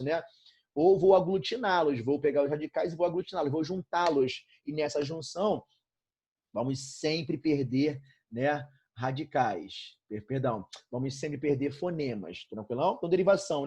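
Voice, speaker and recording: A Brazilian man gives a grammar lesson with a Brazilian Portuguese accent, and his voice is a little husky and pitched slightly high. He keeps checking in with his students and calls them brother and gang. His manner is upbeat and familiar throughout. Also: normal speed, warm tone. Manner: upbeat, checks in constantly with "show?" and "tranquilo?"; addresses students familiarly as "irmão" and "galerinha". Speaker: Portuguese teacher.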